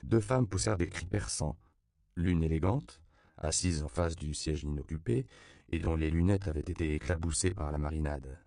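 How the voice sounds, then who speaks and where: A man reading a novel aloud as an audiobook narrator, measured and even, on a close studio mic. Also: extremely low pitch, creaky, clear, resonant tone, no echo. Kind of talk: scripted narration.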